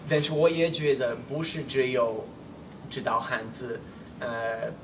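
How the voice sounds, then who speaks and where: Halting foreign man speaking Mandarin, distant and noisy. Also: medium pitch, flat delivery. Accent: foreign, non-native Mandarin. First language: not Mandarin. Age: 20s. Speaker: learner of Chinese. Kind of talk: casual conversation in halting Mandarin. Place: small indoor room, seated on a sofa. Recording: distant mic, noisy room ambience.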